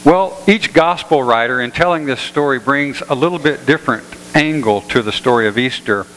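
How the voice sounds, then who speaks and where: A pastor giving a sermon in a church, telling jokes in an easygoing, folksy way. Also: male voice, medium pitch, moderate pace, fairly bright tone, long reverb tail, a little hiss or hum, low-quality recording. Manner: folksy storytelling, easygoing humor. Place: church sanctuary.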